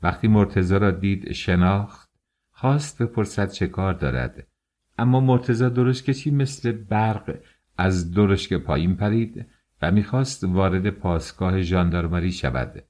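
A man narrating an audiobook in a calm, even storytelling manner. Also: sits low.

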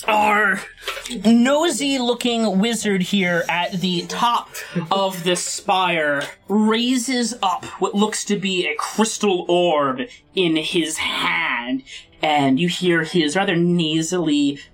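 A woman game master narrating a tabletop game, describing scenes slowly and joking with her players. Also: on the low side, faint music behind.

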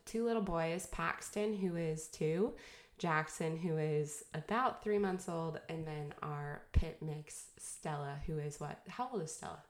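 A woman with a low-pitched voice chats casually as a podcast co-host, breaking into giggles now and then. Her voice rings around an echoey room. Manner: giggly, laughs often between phrases. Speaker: podcast co-host and brand founder.

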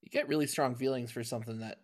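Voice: medium pitch, fast talker. A podcast co-host talking in a needling, contrarian way during casual chat.

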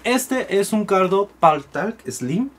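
A man's voice: sits high, animated, slow pace, a bit bright. A man with a Mexican Spanish accent chatting casually as a podcast co-host, rambling with lots of fillers. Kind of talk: casual chat reviewing gear.

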